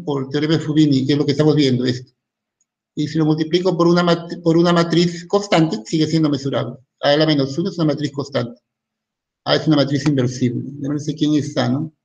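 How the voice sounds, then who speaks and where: A man's voice: on the high side, gravelly, darkish tone, muffled recording. A man teaching a recorded university math lecture in in, thinking aloud and often stopping to ask "¿no?".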